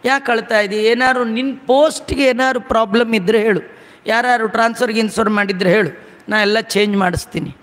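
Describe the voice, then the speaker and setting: Man voicing a caring, commanding goddess who reassures in brisk, high tones. The sound carries a long hall reverb. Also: fairly even intonation, a bit bright. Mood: reassuring.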